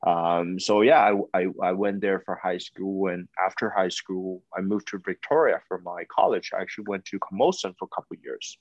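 A young man from Taiwan, a whisky brand ambassador, joins a video call as a guest and talks casually but hesitantly, with lots of pauses, fillers and restarts. His voice is low, and the dull, dry lo-fi call audio comes from an indoor room lined with whisky bottles and banners.

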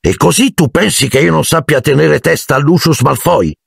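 A man voicing an excitable, enthusiastic middle-aged wizard father. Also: sits low, moderate pace, slightly rough, dry recording, studio quality. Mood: excited. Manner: excited, indignant bursts.

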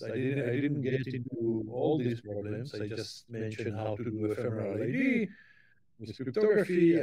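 Slow, mellow-voiced man giving a keynote. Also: mid-range voice. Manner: halting, with frequent restarts and repeated words. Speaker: keynote speaker. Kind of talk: conference keynote lecture.

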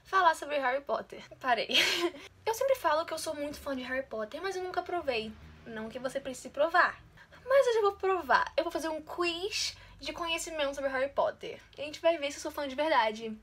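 A woman's voice: high-pitched, lively intonation, fairly quick, fairly bright tone. A woman, chatting casually and teasing herself while taking a quiz on her channel. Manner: chatty, self-mocking, competitive. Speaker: YouTuber.

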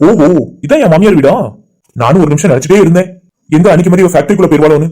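A man's voice: fairly high pitch, very fast, over music, lightly acted. A man voicing a lovestruck young man who talks to himself, anxious and eager. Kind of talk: amateur cartoon voice acting.

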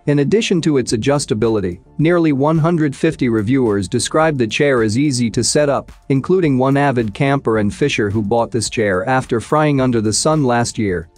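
A man narrating a scripted product review countdown in an even, read-aloud tone. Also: mid-range voice.

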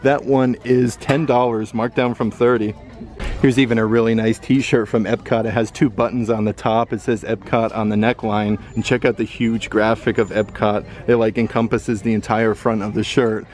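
A man's voice: lowish voice, flat delivery, normal speed, a little mellow. A man narrating an upbeat shopping vlog while filming racks in an outlet store on a handheld camera, reading out prices with enthusiasm. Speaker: vlogger. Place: indoor retail outlet store. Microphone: handheld camera mic, filming himself browsing.

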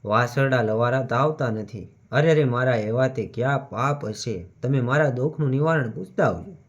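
A man's voice: mid-range voice, moderate pace, close to an everyday voice. A man voicing a grieving female cow who pleads for help in a spoken devotional story, recorded lo-fi. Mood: pleading. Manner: lamenting, pleading. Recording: dull lo-fi recording.

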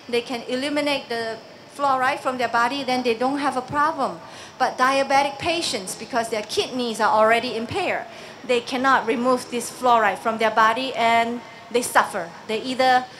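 A Singaporean woman in her forties speaks into a stand microphone at an outdoor rally, her voice sitting a little high. She talks with rising conviction and keeps putting pointed questions to her listeners. Faint open-air sound hangs behind her. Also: fairly bright tone, slight background noise. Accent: Singaporean English. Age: 40s. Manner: impassioned, emphatic, with rising force and rhetorical questions. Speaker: protest speaker. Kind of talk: outdoor public speech. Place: outdoor park stage.

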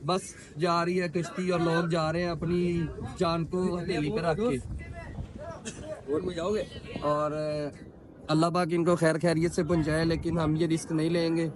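A young man narrating a travel vlog outdoors at a harbour, explaining things in a measured, careful way. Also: fairly high pitch, level tone, crowd noise. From Pakistan. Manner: measured, explanatory, pious greetings. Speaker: travel vlogger. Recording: loud harbour wind and engine noise.

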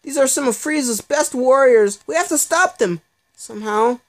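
Fan-dub game role: anxious young boy fighter, high and earnest, voiced by a woman. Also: normal speed, close to an everyday voice. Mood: worried.

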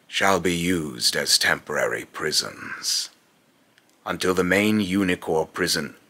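A young man voices a vengeful tyrant god of fear and loss, his tone very low and gravelly with a rough, forceful edge. He delivers solemn, pompous villain lines slowly in full character, repeating phrases across retakes of a scripted monologue. The takes are recorded in a small room at home.

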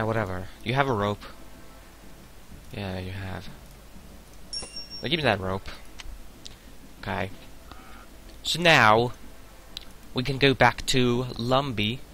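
Young guy swearing thru a game, bright edgy voice, slow, mutters then yelps. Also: lowish voice, slight background noise. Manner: swearing, muttering to himself, sudden loud outbursts. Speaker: gamer narrating his play. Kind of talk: casual let's-play commentary.

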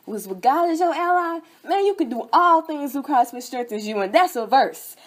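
A woman's voice: sits high, lively intonation, moderate pace. Fervent young woman preaching. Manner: fervent, repetitive, exclamatory preaching with chanted refrains. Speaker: host and preacher. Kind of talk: energetic sermon broadcast.

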